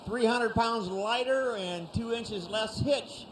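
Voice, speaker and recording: A man works as a tractor pull announcer, calling the event in an informal, conversational style. His voice sits clearly high for a male. Engine and vehicle noise runs faintly behind him. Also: takes it slowly. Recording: noisy event with engine rumble.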